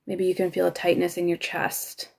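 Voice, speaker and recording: A woman coaching listeners through a guided emotional exercise on a live stream, giving slow, instructive directions with soft, breathy asides. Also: fairly low pitch, completely flat delivery. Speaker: healing coach.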